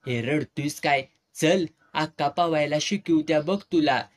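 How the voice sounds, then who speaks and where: Man reading as a cheeky, bossy village girl, pitched a touch high, storybook reading. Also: unhurried. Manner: brash, teasing, bossy. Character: bold, mischievous village girl, quick-tempered.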